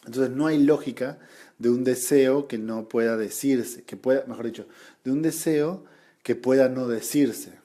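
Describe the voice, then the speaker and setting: Mellow-voiced Argentine man lecturing. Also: mid-range voice, unhurried. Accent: Argentine Spanish. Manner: rhetorical tag questions, repeats for emphasis. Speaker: psychoanalysis study group teacher. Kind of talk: explanatory seminar lecture.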